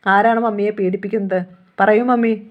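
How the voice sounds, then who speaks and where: A woman's voice: medium pitch, steady tone, moderate pace, phone-quality sound, natural voice. A defiant young heiress, accusing and demanding answers, read by a woman narrator. Her voice stays close to the reader's own as she presses her questions.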